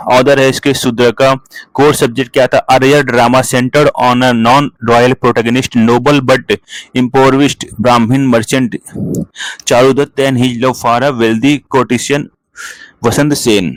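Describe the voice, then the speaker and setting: Fast-talking male exam-prep teacher, dry sound. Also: medium pitch, dry recording, low-quality recording. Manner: rattles off lists, switches freely between Hindi and English terms; keeps adding "ठीक है" as a filler. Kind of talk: fast revision lecture.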